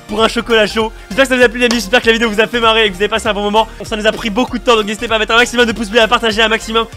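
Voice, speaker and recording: A young man telling a story on his vlog, animated and slangy, acting out the people in it. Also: high voice, racing, faint music behind. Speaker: vlogger.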